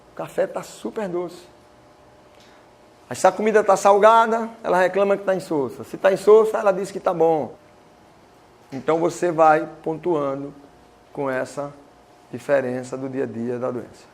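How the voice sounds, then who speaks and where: A man giving a talk to students, telling stories and acting out the voices in them. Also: sits high. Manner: animated storytelling with voiced quotes. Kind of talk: lecture to students.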